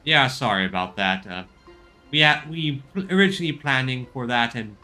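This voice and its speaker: A man's voice: medium pitch, animated, normal speed, pushed and bright, faint music behind. A man giving casual playthrough commentary as a gaming streamer, with wry, off-the-cuff asides.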